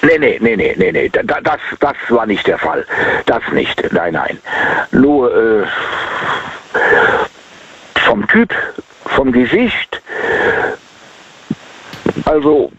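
Guy phoning into a radio show from his car, muffled line, halting and full of ums. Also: medium pitch, sing-song, slightly rough. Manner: hesitant, halting, many fillers. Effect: heard over the phone. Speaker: radio call-in caller. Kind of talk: casual call-in chat. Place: sitting in a car.

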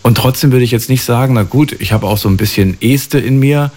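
Guy interviewing someone, calm and curious, keeps digging with questions. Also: medium pitch, fairly quick. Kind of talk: conversational interview.

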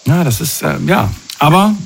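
A man's voice: fairly high pitch, lively intonation, normal speed, gravelly, slightly rough. A man hosting a radio phone-in show from the studio, chatting casually with callers and listeners. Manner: chatty, warm-hearted asides.

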